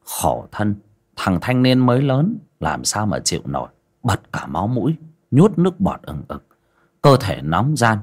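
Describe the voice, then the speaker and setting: A man narrating an audio story in a lively storytelling manner. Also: lowish voice, a little slow, breathy edge.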